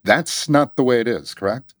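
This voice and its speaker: A man's voice: mid-range voice, normal speed, no room sound, studio quality. A man interviewing a guest, conversational, repeating words and checking his facts with short questions. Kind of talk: radio interview.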